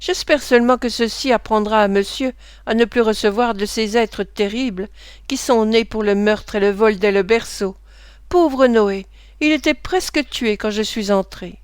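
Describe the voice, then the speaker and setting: A shrill, scolding servant woman, as a reader puts her on, raised and crisp, close to the mic. She fawns on her mistress in the same sharp voice. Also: moderate pace, dry recording, natural voice. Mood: fussing. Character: loud servant woman, fawning and fierce.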